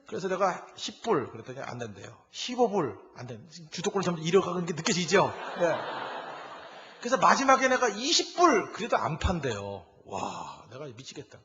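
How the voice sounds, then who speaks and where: A man's voice: fairly high pitch, muffled recording, slight background noise. A man preaching a sermon as a pastor, telling stories animatedly and acting out dialogue. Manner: animated storytelling with acted-out dialogue.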